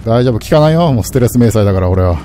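Brief: male streamer, jumpy let's-play commentary, animated pitch, loud game music underneath. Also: rapid-fire. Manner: jumpy, swings from mutters to yelps. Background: game sounds and music.

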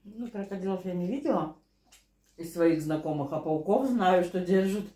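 A woman's voice: fairly low pitch, animated, normal speed, mellow. A middle-aged woman chatting casually over a meal at home. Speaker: mukbang vlogger. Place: small living room at home, indoors. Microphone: camera across the table. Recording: roomy home room, clinking cutlery and dishes. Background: cutlery and dishes.

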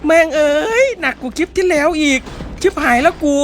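A young man hosting a gaming channel, giving excited gameplay commentary with loud exclamations and swearing. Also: extremely high pitch, brisk, a little hiss or hum.

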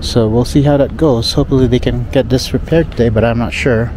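A man's voice: mid-range voice, a little fast. Rambling man vlogging outdoors. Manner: relaxed, rambling, many fillers and restarts. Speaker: travel vlogger. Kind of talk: casual travel vlog to camera. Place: outdoors in a parking lot and by a repair shop. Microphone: phone camera at arm's length. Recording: loud outdoor noise, phone camera. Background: loud outdoor and traffic noise.

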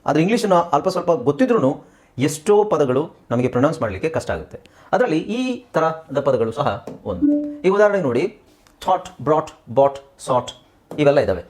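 A young man teaching English with a Kannada accent, his voice sitting a little high and swinging widely in pitch. He sounds out words one at a time, repeats them, and asks questions that he then answers himself. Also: big pitch swings, normal speed, a little mellow, faint music behind. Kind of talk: spoken English lesson.

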